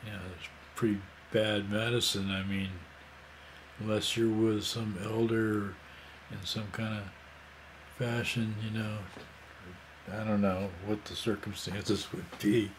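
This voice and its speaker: A man's voice: lowish voice, level tone, unhurried, a little hiss or hum. Rambling older man telling a story. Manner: rambling, loose, with many fillers and asides. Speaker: vlogger. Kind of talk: casual storytelling.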